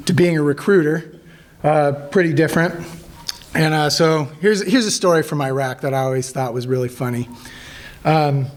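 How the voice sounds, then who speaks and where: A man in his thirties, an army veteran, telling stories casually to a group, joking and halting with many fillers. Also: fairly high pitch. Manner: jokey, animated when acting out quotes.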